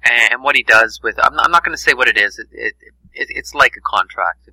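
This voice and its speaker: Guy on a podcast, stumbles and repeats himself a lot, super bright voice, totally dry sound. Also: mid-range voice, no room sound, low-quality recording. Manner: halting, repeats words, jokey. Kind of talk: casual podcast discussion.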